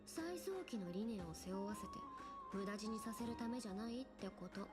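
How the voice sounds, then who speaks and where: A woman's voice: mid-range voice, animated, normal speed, loud music behind the voice, close to an everyday voice. A woman voicing a sly, breezy young female treasure-loving thief in an anime game, with a casual, teasing, cocky delivery. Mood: persuasive, teasing. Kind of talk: Japanese anime game voice acting.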